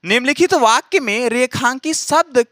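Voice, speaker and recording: A man's voice: very high voice, moderate pace, bright, forceful tone, no echo. A man teaching an exam-prep Hindi grammar lesson, repeating points and often checking that students follow. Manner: repetitive, checks understanding often. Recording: dry close recording.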